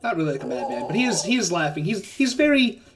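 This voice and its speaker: A woman's voice: fairly low pitch, very animated, quick pace, crowd noise. A woman running a tabletop game as game master, narrating casually, swearing and laughing often.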